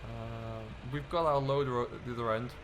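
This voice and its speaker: At normal speed, with a mid-range voice and fairly even intonation, a British gaming host plays a farm contractor in a farming role-play. He keeps up relaxed chatter and thinks aloud while working, with vehicle and ambient noise audible in the background.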